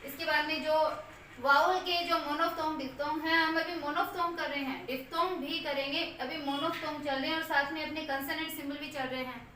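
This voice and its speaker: A woman teaching English pronunciation in Hindi, repeating each word slowly as a drill. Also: high voice, steady tone, pushed and bright, a little hiss or hum. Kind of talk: Hindi-language pronunciation lesson. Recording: echoey room from a distance.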